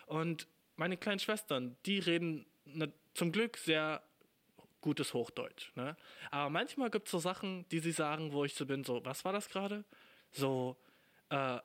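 A man's voice: fairly high pitch, animated, a little slow, fairly bright tone. A young man in his twenties from Germany, hosting a podcast alone, talking in a rambling casual monologue full of profanity and slang. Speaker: podcast host.

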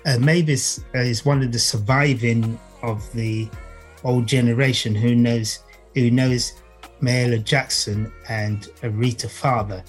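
A man explaining as a knowledgeable guest, halting in phrases and repeating points for emphasis. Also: medium pitch, fairly even intonation, soft background music. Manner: halting, emphatic repetition, checks with "right?" and "you see". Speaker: guest music author and historian. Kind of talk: explanatory conversation.

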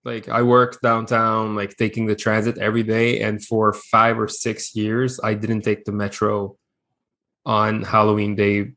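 A man speaking in a casual group chat, hesitant and halting. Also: fairly low pitch, monotone, sharp tone. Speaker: guest.

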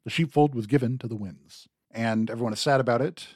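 A man's voice: medium pitch, fairly quick, a little mellow, no echo. A man hosting a history podcast, explaining and retelling a myth with dry humor. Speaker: podcast host.

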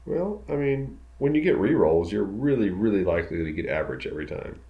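A man chiming in on a casual podcast chat with quick, offhand remarks. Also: fairly low pitch, very animated, muffled recording. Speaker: podcast co-host.

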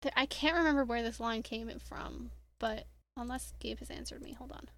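A woman co-hosting a casual fan podcast, wry and quick, swearing casually. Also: a little high, fairly bright tone. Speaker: podcast co-host.

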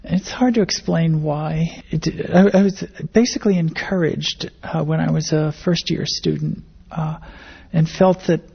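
An American-born woman who grew up in Indonesia and the Philippines, now older and an academic biologist, answers interview questions thoughtfully and hesitantly, often repeating words as her ideas form. Her deep voice is measured, breathy and touched with vocal fry, on a dull, muffled lo-fi recording.

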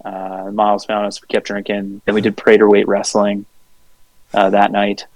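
Gravelly-voiced laid-back podcast guy. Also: on the low side, monotone, moderate pace, no room sound, rough recording. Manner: rambling, laid-back, swears freely with many fillers. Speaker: podcast co-host. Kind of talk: casual storytelling chat.

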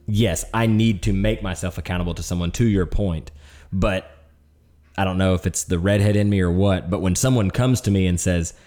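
Brief: male podcast co-host, low warm voice, reflective and steady. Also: normal speed. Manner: reflective, leads into questions. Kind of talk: casual faith podcast chat.

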